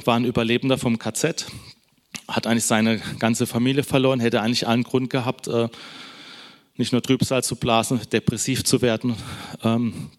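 Conversational German preacher man. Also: medium pitch. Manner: conversational, tag question "ne?" after many sentences; addresses listeners directly, encouraging. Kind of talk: sermon.

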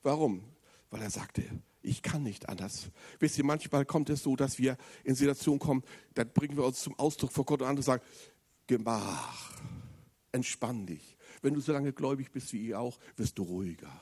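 A man preaching a sermon, speaking straight to the congregation with questions and moving between loud emphatic passages and low, quiet stretches. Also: brisk, breathy edge. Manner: addresses the congregation directly with questions.

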